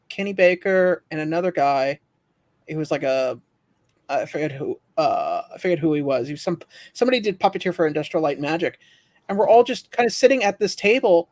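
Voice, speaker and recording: Chatty guy w a gravelly higher voice, tells stories and does little voices, dry close sound. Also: a little mellow, no room sound. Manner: storytelling, acts out quoted voices. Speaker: livestream co-host. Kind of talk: casual chat.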